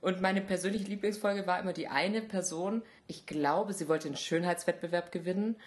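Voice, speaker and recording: A young woman co-hosting a casual podcast, her voice sitting a little low. She tells stories with energy and breaks into laughter often. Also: brisk. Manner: lively storyteller, laughs often. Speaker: podcast co-host. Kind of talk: casual chat.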